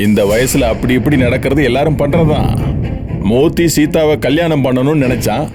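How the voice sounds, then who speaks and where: A man's voice: medium pitch, fairly quick, natural voice. An actor playing a dismissive middle-aged father making excuses, in a Tamil television serial. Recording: music under dialogue.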